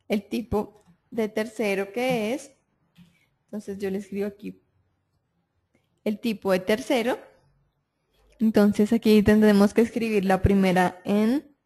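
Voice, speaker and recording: A woman explaining software data entry step by step. She keeps checking in with the listener as she goes. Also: medium pitch. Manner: step-by-step explaining, frequent "entonces" and "listo", checks with "¿sí?". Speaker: software trainer. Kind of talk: screen-recorded software tutorial.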